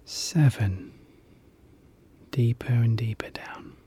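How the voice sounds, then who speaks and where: A relaxation guide leading a guided hypnosis session in a soft, soothing whisper, repeating gentle calming phrases. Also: mid-range voice, takes it slowly, husky.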